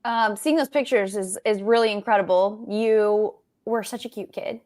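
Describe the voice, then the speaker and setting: A woman's voice: mid-range voice, normal speed, darkish tone. A woman hosting a show, upbeat and enthusiastic as she introduces and questions a guest. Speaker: host.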